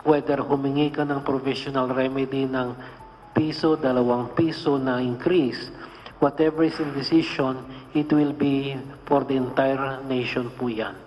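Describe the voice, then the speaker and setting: A man's voice: mid-range voice, flat delivery, measured pace, a little mellow. A middle-aged man, a transport board official, speaking formally and politely at a hearing, mixing English into his answers. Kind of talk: press hearing remarks. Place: hearing room, indoors. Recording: dull sound with reverb, faint noise.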